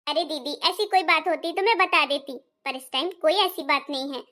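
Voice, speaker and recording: A woman plays a dutiful young daughter-in-law in a homespun family skit. She speaks softly and complains about how she is treated. Her voice is high and bright. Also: a little fast. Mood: subdued. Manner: complaining, soft-spoken.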